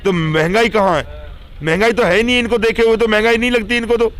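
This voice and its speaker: Earnest man, slightly high voice. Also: fairly even intonation, fairly quick, fairly bright tone. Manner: earnest, complaining. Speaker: farmer interviewee. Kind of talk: street interview.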